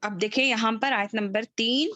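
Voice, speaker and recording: A woman teaching an online tajweed class over a video call, drawing out syllables in slow repeated recitation drills and checking in often with her students. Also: on the high side, sharp tone, no echo.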